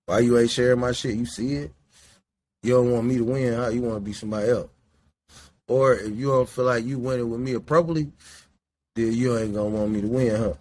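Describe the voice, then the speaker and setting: Speaking fairly quickly in a steady, medium-pitched voice with a darkish tone, this forties-something Midwestern podcast host rambles casually and profanely. He smokes indoors while he talks.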